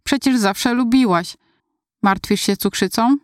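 A woman voicing a gentle, caring middle-aged mother who coaxes softly, in a storybook reading. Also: on the high side, measured pace, no room sound, clean studio sound, voice pushed up, lightly acted. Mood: gentle coaxing. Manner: soft, coaxing.

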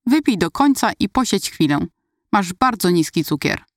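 A woman's voice: medium pitch, big pitch swings, normal speed, no room sound, studio quality. A woman voicing a stern, impatient female hospital nurse who scolds children, in an audiobook reading. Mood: brusque. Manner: scolding, brusque.

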